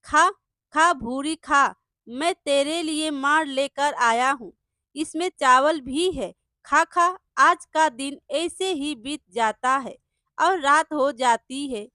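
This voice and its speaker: A humble, soft-hearted poor farmer, voiced by a woman storyteller, speaks in a pleading way. The voice is high and bright and the delivery is unhurried. The sound is dry and close. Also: no room sound, exaggerated voice. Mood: tender.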